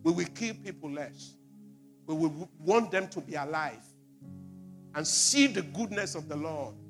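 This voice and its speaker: A man preaching a sermon as pastor, repeating words with emphasis and swinging from loud to quiet. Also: a little high, expressive, a little slow, soft background music. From Nigeria.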